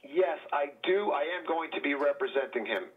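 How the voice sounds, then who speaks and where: A man's voice: on the high side, expressive, moderate pace, husky. A man, a defense attorney, calling into a court hearing over a speakerphone, talking hesitantly with many fillers and restarts. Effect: heard over a courtroom speakerphone. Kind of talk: phone call into a court hearing. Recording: tinny phone line on speakerphone.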